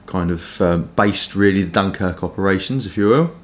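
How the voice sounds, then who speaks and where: A man from Kent with a southern English accent, chatting informally and hesitantly in a rambling casual review, with stop-start pauses. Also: sits low. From Kent, England. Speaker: pipe tobacco reviewer.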